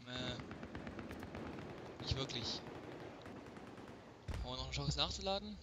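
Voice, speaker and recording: A man's voice: mid-range voice, animated, measured pace. A man casually commenting on his own game, swearing and talking to himself. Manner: swears often, mutters to himself. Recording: gunfire and game noise behind.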